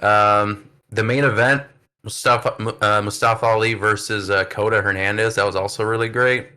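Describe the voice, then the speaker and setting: A man's voice: on the low side, steady tone, moderate pace, pushed and bright, clean tone. A man hosting a wrestling podcast, chatting casually in an upbeat, filler-heavy way. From United States. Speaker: podcast host. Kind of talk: casual chat.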